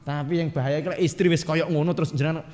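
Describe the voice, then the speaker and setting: A male preacher with a Javanese accent giving a lively, joking religious lecture, often putting questions to his audience. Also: fairly high pitch, racing, big-room sound. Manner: jokey, engages audience with direct questions.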